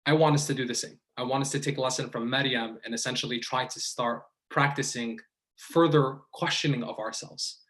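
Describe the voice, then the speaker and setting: An American man from the Detroit and Dearborn area of Michigan delivers a reflective religious lecture in a mid-range, steady, fairly bright voice. He speaks deliberately, pausing often and posing rhetorical questions.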